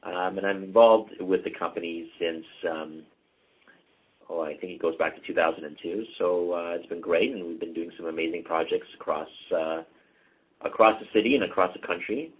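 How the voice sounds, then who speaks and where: Heard through a tinny, phone-like line, this middle-aged Canadian man speaks at a moderate pace in a low, slightly rough voice. He's a real estate executive being interviewed, and the conversation is casual. His manner is relaxed, peppered with many ums and uhs.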